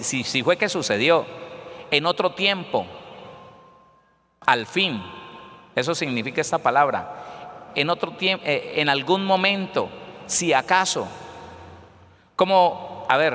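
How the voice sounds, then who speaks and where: Male pastor preaching with fervor, slightly higher than average voice, long reverb behind him, faint ambience. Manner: fervent preaching, rising to shouts, addresses congregation as brother. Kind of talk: sermon.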